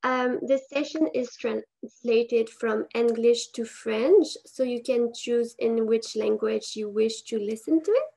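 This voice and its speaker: Woman with a higher, raspy, creaky voice reading a formal welcome on a video call. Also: slow pace, warm tone. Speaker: session host. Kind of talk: scripted welcome.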